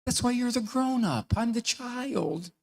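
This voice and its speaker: Mock-sincere young child, sugary, a man doing the voice, raised pitch. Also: expressive, measured pace, gravelly, a little mellow, heavily acted. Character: sweetly submissive young child.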